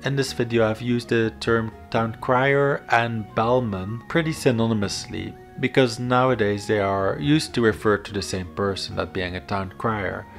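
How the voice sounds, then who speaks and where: A man giving a scripted educational history narration in a measured, explanatory manner. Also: on the low side, vocal fry. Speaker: video narrator. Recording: background music under voice. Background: instrumental music.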